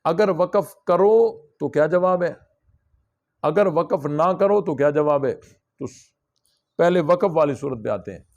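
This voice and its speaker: A man's voice: a little high, lively intonation, darkish tone, dull audio. A man teaching a religious class, explaining a text step by step and asking his students questions. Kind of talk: classroom lesson on scripture.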